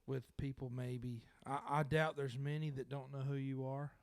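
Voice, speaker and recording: A man hosting a podcast in casual conversation, talking in a halting, self-correcting, joking way at a table mic indoors. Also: medium pitch, level tone, no echo. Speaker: podcast host. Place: indoor room by a window.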